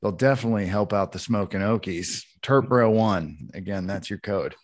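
A man with a lowish voice and a moderate pace co-hosts a casual podcast, chatting loosely and laughing often as he reads a sponsor spot. He is high on cannabis.

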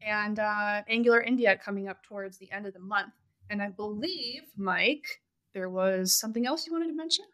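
A woman on a podcast lists community events and updates at a measured pace. Her voice is smooth and clear, at an ordinary pitch. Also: a bit bright. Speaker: community content team member. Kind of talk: casual podcast chat.

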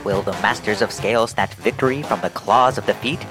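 A man's voice: on the low side, a little fast, over music, natural voice. A man voicing a dramatic announcer for a parody radio serial, with breathless cliffhanger delivery.

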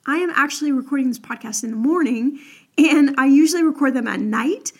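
A young woman hosts an advice podcast, chatty and upbeat, sprinkling in lots of "like" and "all right?". Her voice is high and a little mellow, fairly quick, and slightly crackly from the early morning.

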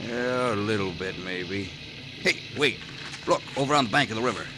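A man's voice: lowish voice, animated, normal speed, background noise, lightly acted. A man playing a wary, folksy henchman with an American Western accent in an old-time Western drama.

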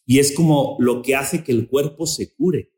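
A man's voice: mid-range voice, measured pace, darkish tone, echoey room. A man appearing as a podcast guest, talking casually about spirituality and often searching for words as he goes.

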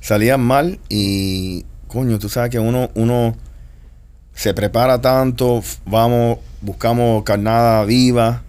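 A man's voice: mid-range voice, steady tone, takes it slowly, darkish tone, smooth. Man telling a story in casual chat. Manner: storytelling with restarts and teasing.

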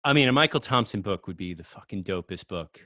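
Male podcast co-host, casual and rambling, lowish voice, dry booth sound. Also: expressive, fast talker, bright, forceful tone, dry recording. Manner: rambling, many fillers and restarts. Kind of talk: casual chat.

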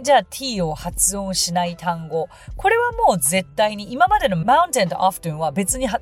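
Lively, polite woman teaching pronunciation. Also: lowish voice. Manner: polite teaching talk, models words slowly and has listeners repeat. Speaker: English pronunciation teacher and podcast host. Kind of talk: podcast pronunciation lesson.

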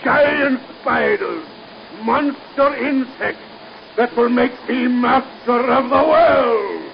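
An actor playing a megalomaniac mad scientist who gloats theatrically in a 1930s radio drama. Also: male voice, very high voice, slow pace, vocal fry, dull audio, full character voice. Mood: gloating. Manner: gloating, theatrical, rising to shrieks. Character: megalomaniac mad scientist breeding giant spiders. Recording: scratchy 1930s radio recording.

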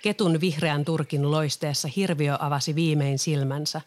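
A storyteller calmly narrating a children's story. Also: mid-range voice.

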